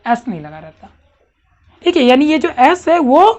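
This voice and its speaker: Woman teacher, high voice, quizzing her class often; dull lo-fi recording. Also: very animated, unhurried, darkish tone, faint music behind. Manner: questioning, checks understanding often. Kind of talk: classroom grammar lesson.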